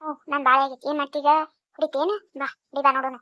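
A woman voicing a defiant, sharp-tongued middle-aged village wife in a cartoon, with a North Karnataka Kannada accent. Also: sits high, level tone, fast talker, no room sound. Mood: taunting. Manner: defiant, scolding. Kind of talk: cartoon voice acting. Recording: dull lo-fi recording.

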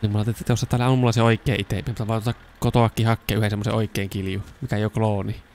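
Chatty low-voiced gaming commentator man. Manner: chatty, talks to himself while playing, bursts into excited shouts. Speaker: gaming YouTuber. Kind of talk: casual let's-play commentary.

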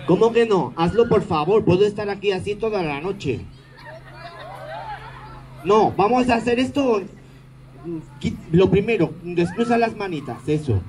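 A man's voice: high voice, animated, measured pace, pauses often, darkish tone, some chatter behind, low-quality recording. A man doing stage comedy, teasing the audience in a sarcastic, mock-grumpy way.

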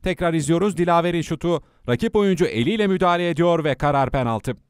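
Higher-pitched man commentating football highlights. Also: quick pace, smooth, no room sound, studio quality. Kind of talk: match highlights commentary, voice-over.

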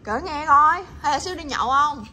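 Bright, high woman. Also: animated, fairly quick, slight background noise. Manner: teasing, coaxing, laughs often. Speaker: pet channel host. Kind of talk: casual chat to her pets.

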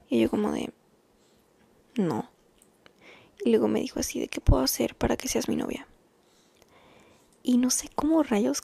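A young woman with a Mexican accent, casually telling a story in a soft, often half-whispered way. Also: fairly high pitch, vocal fry, dry recording. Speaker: vlogger.

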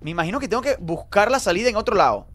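A man commentating his live horror game stream, jumpy and excitable, talking to his chat. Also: high voice, rapid-fire.

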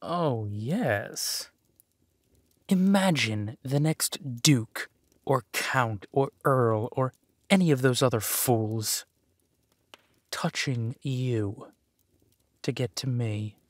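For a roleplay audio drama, a man with a mid-range voice plays a villainous husband who is possessive and menacing yet tender with his spouse. His delivery is slow, soothing and theatrical, with a gloating, menacing mood and no room sound.

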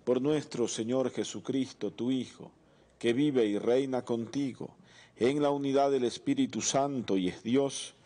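A middle-aged man, a priest, reciting liturgical prayers in a slow, solemn way at an altar in a studio chapel. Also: medium pitch, mellow. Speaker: priest celebrating Mass.

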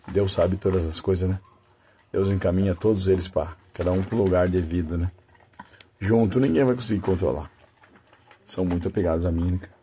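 A man's voice: low voice, dark tone, a little hiss or hum. A man who breeds dogs, chatting casually to his dogs and viewers, cooing at them in fond baby talk and speaking in a folksy, devout way. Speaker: dog breeder.

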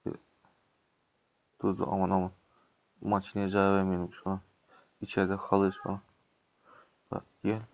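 A man with a sore throat and cough giving excitable, casual gameplay commentary, swearing at other players and calling them over. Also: low-pitched, moderate pace, long pauses, lo-fi sound. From Turkey. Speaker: gaming YouTuber.

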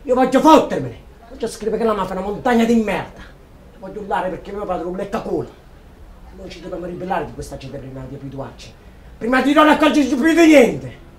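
An actor playing a young Sicilian man raging against the mafia, swinging from bitter quiet to shouting. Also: sits high, expressive, quick pace. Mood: furious. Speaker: auditioning actor. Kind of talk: dramatic audition monologue.

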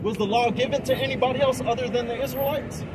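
A man's voice: very high-pitched, steady tone, fast, a loud crowd. A man preaching on a city street at night, cross-examining passers-by and telling his partner to read. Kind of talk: street debate. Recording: loud traffic noise outdoors.

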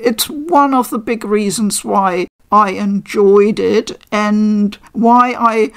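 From her living room, an older woman hosts a casual unboxing review as a game reviewer. Her medium-pitched voice is chatty and measured, broken by frequent pauses.

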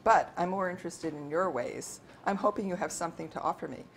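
Woman reading wary man on the run, defensive, lowish voice, faint hum behind. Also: a little fast, close to an everyday voice. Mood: tense. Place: bookstore event.

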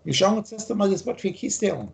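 A man's voice: sits high, animated, fairly quick, gravelly. A man teaching spiritual ideas over a video call, emphatic and lecturing, often rephrasing his points.

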